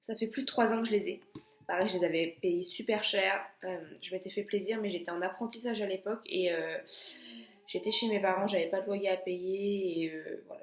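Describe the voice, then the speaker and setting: A young woman vlogs casually with a stuffy, nasal voice from a cold. Her mid-range voice sounds reverberant, and her chatty talk is full of hesitations and restarts.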